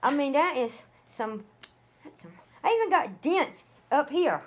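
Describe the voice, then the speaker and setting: A woman's voice: high-pitched, sing-song, unhurried. A woman hosting her own vlog, chatting casually at home into a handheld camera, rambling with lots of fillers. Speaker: vlogger host.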